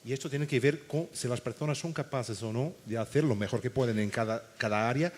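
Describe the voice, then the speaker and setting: A panelist from Portugal with a Portuguese accent makes his points forcefully during a panel discussion on a conference stage, again and again tacking on "¿vale?" to check in with the audience. He has a medium-pitched voice and talks fairly quickly, with slight background noise.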